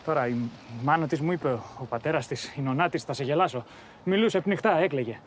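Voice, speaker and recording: An actor playing a troubled village man who talks in a hurried, rambling, plain-spoken way. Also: on the high side, slight background noise, close to an everyday voice. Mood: uneasy. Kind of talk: period television drama acting.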